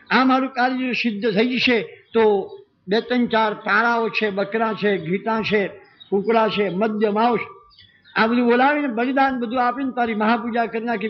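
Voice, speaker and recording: Sly demon guy begging a goddess for a favor, a man telling it, high voice, dull lo-fi sound. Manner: bargaining, pleading. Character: scheming male demon praying to a goddess. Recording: dull lo-fi recording with faint birdsong.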